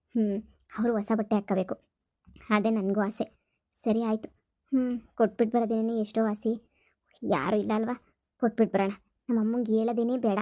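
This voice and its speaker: A woman's voice: fairly high pitch, no echo, dull audio, close to an everyday voice. Woman voicing a secretive kind young woman. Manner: hushed, urgent, scolding the friend. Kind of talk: cartoon voice acting.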